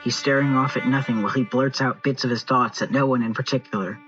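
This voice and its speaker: A narrator reading a scripted recap of a tabletop role-playing game in an expressive storytelling manner. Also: mid-range voice, quick pace. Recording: muffled recording with music behind.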